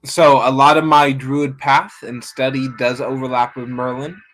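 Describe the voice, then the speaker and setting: A man's voice: mid-range voice, level tone, moderate pace, fairly bright tone, poor audio. A man giving a casual, rambling live-stream reading, talking to his viewers by name. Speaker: online rune reader.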